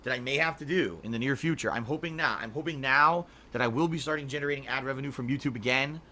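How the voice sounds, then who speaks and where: Man, middle-aged, livestream chat, rambling, throat clearing, bright tone. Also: medium pitch, fast talker. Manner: rambling, restarts often, clears throat a lot. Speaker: streamer. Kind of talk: casual livestream chat reading viewer messages.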